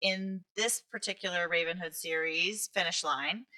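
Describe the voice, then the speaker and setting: A woman's voice: on the low side, fairly even intonation, moderate pace, sharp tone. A woman co-hosting a book podcast, chatting casually with many ums and restarts. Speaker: podcast co-host. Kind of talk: casual book review chat.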